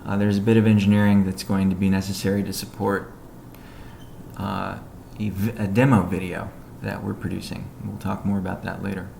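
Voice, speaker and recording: A company executive's low, creaky voice, darkish and level with little melody, carries a technical business update over a conference call. His pace is measured and halting, and the room around him is echoey with faint background noise.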